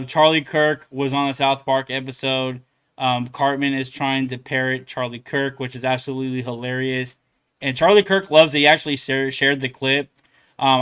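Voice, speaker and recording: A man's voice: mid-range voice, sharp tone, clean tone. A young man hosting a reaction channel, rambling casually with many fillers and laughs. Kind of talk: casual commentary.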